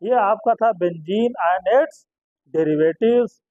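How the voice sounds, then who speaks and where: A man teaching chemistry in a very high voice. He keeps quizzing his class and answers his own questions at once. The sound is dry and close, with a dull, muffled tone. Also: drawn-out words, no echo. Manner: asks students questions and answers them himself, repeats terms. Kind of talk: classroom lecture.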